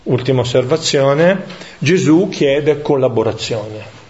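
A man's voice: mid-range voice, animated, takes it slowly, a little mellow. Reflective man teaching scripture, muffled. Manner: reflective, thinking aloud with hesitations and tag questions. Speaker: priest leading Bible study. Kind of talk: lectio divina teaching.

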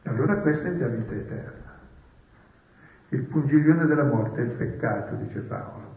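A man's voice: medium pitch, normal speed. A man preaching and commenting on scripture, with rhetorical questions and wry humour. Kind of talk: spoken Bible commentary. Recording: roomy, distant and dull.

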